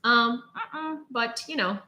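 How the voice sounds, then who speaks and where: With a voice on the high side and a sharp tone, a late-twenties Ukrainian-born woman hosts a live news stream, and the sound is lo-fi. Her accent is close to American. She's chatty and sassy, throwing quick remarks to the chat.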